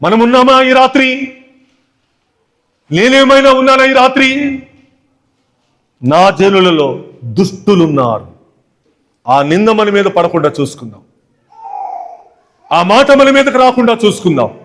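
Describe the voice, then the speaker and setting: Pastor, male, high voice, emphatic sermon delivery with repeated phrases and pointed questions. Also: expressive, unhurried, pauses often, a bit bright. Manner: emphatic, repetitive preaching with rhetorical questions. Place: church watch night service.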